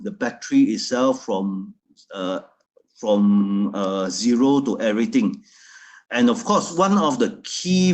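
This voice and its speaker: A man's voice: fairly low pitch, darkish tone. A man presenting a product in a loose, repetitive way, often restarting his phrases.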